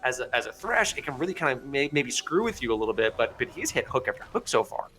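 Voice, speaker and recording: A man doing play-by-play commentary on an esports match, excitable and speeding up as fights break out. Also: fast. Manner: excitable, speeds up and rises in pitch during fights. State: has the hiccups. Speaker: play-by-play caster.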